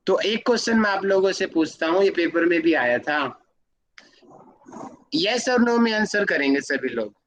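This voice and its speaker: A man teaches an online lesson, walking through everyday examples. He keeps stopping to put questions to his students. His voice sits high for a man. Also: fairly bright tone, dull audio. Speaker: yoga academy teacher. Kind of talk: online class lecture.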